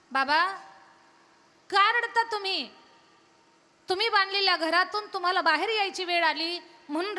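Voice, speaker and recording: A woman's voice: very high voice, sharp tone. A woman voicing an anxious grown son who urgently presses his father with question after question. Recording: long hall reverb from a PA.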